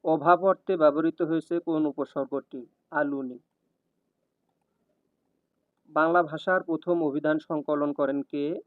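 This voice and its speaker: An exam prep tutor with a fairly high voice reads scripted exam questions and answers in a steady, measured rhythm. The audio is thin and phone-like, dry and close, with no sense of a room.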